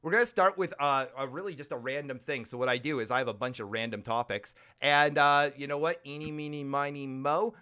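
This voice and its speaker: A man's voice: mid-range voice, bright, forceful tone, clean tone. A Canadian man hosting a live-streamed game show, teasing his guests playfully in casual banter. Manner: playful teasing, quick asides. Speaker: host.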